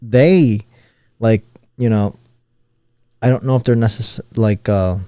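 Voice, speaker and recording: A young man with a lowish, mellow voice co-hosts a podcast, lobbing jokes and rambling questions. The sound is dry and close, with no room around it. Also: slow pace, clean tone, no echo. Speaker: podcast co-host. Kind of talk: casual chat.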